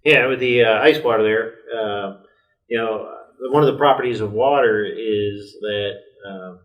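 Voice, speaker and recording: A man with a lowish voice explaining things calmly as a guest on a podcast. He sits a little back from the microphone. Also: distant mic, muffled recording. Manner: measured, explanatory, with fillers. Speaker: director of quality and training. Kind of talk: casual podcast conversation.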